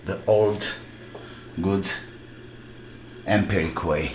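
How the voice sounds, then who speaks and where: Presenting a restoration project, this hobbyist in electronics repair speaks in a low voice and at a slow pace. He gives casual hands-on commentary, thinking aloud in halting, fragmentary bits, and the recording is noticeably noisy with clicks.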